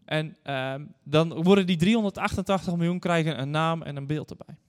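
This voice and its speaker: A man's voice: a little high, brisk, smooth. Earnest male preacher in an echoing church. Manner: earnest, storytelling, addresses congregation directly. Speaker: guest preacher. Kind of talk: sermon with Bible reading. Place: church hall. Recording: long church reverb.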